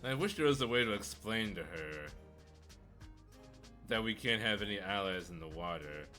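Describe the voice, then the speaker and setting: A man streaming a game with a fairly low yet bright, forceful voice. He comments casually and thinks aloud, with soft music behind him. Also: animated, moderate pace.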